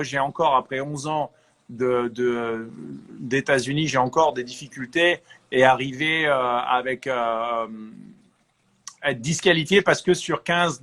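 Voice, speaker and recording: A man from France, an actor, chatting as an interview guest and giving lively advice. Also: mid-range voice. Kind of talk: casual interview chat.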